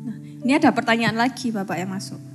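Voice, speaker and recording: A woman's voice: on the high side, fast talker, music in the background. Polite female moderator reading questions. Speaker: talk show moderator.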